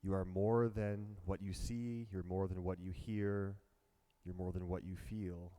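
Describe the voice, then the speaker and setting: A man leading a guided meditation and breathing practice, speaking slowly and calmly in a soft voice. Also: low voice. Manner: slow, calm and soft-spoken. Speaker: meditation teacher.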